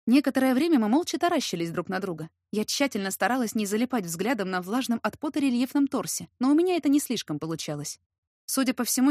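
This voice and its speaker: A woman's voice: medium pitch, darkish tone, no room sound. Woman narrating a story, dry sound. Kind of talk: first-person audiobook narration.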